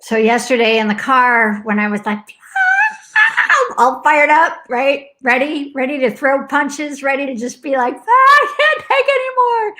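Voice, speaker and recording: Middle-aged woman host, casual storyteller, bright and a touch high, lively and rambling. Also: moderate pace, few pauses. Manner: animated, acts out alarms and shouted outbursts, laughs often; talks in loose fragments with many likes.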